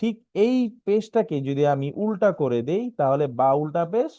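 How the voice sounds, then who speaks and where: A man with a Bangladeshi Bengali accent, teaching an online Quran reading class, spelling out letters slowly and often checking in with "right?". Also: fairly high pitch, lively intonation, mellow, dry recording. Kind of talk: online lesson.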